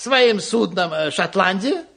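Absent-minded gentleman traveller, old radio show acting, cheerful, effusive, flustered stammer, very lively melody. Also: high-pitched, measured pace, creaky, breathy edge, full character voice. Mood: effusive, chatty.

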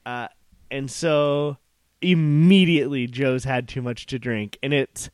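A man's voice: mid-range voice, fairly even intonation, takes it slowly, clear, resonant tone, no echo, clean studio sound. A young man hosting a podcast, telling a long story in casual chat, full of fillers. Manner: rambling storyteller, many fillers. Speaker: podcast co-host.

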